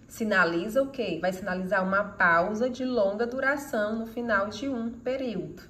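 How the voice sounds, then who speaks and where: A woman's voice: mid-range voice, a bit bright, slight background noise. A woman with a Brazilian Portuguese accent teaching a grammar lesson, asking rhetorical questions and answering them herself, and reading example sentences aloud with expression.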